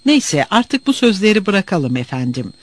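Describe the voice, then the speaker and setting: A man's voice: sits high, very animated, normal speed. A man voicing a bitter, sullen young former student who answers in a defiant grumble.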